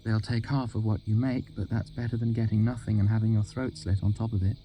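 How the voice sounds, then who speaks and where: A worldly young woman speaks bluntly and with bite, put on by a male reader. Her voice is lifted above his deep, mellow tone. Faint music plays behind the audiobook reading. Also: steady tone, fairly quick, close to an everyday voice. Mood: matter-of-fact. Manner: blunt, matter-of-fact, biting.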